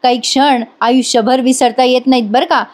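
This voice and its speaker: A playful young husband, smitten and coaxing, who keeps teasing his wife, as a woman reads his lines. The voice stays high. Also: fairly even intonation, normal speed, darkish tone, close to an everyday voice.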